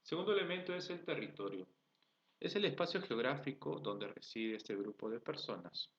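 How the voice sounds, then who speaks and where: A Peruvian man teaches a recorded online class in Peruvian Spanish-accented speech, explaining step by step, asking rhetorical questions, and checking in with students. His mid-range voice is animated and a bit bright at normal speed, on a dull lo-fi recording.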